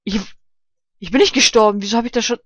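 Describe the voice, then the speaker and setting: A man commenting casually on a game he is playing, shouting and swearing when he fails and muttering quietly to calm himself down. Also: very high voice, rapid-fire, no room sound, highs cut off. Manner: excitable, yelps and shouts at failures, swears. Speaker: let's play gamer.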